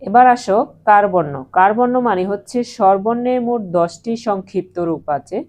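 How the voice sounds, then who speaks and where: A woman teacher giving a grammar lesson, asking the class questions and answering them herself, and saying sounds out slowly and clearly. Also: mid-range voice, darkish tone. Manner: slow and clear when pronouncing sounds.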